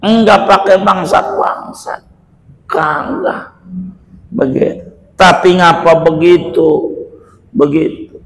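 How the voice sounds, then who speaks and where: A man preaching a sermon in a Betawi accent, folksy and slow, with sudden shouted peaks. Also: high-pitched, fairly even intonation, gravelly. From Indonesia. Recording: echoey hall, roomy reverb.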